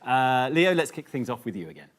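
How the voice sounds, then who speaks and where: A man's voice: medium pitch, sing-song, fairly quick, noisy background. A man hosting a comedy panel show, reading out scores and rules with a dry, sarcastic, teasing manner. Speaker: host.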